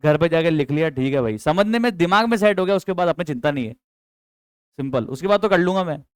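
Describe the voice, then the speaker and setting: Man, accountancy lecture, high voice, smooth and dry close sound, keeps quizzing students. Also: expressive, fairly quick, no echo. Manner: chatty, coaxing, quizzes students with repeated questions; mixes English terms into speech. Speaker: accountancy teacher. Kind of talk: classroom lecture.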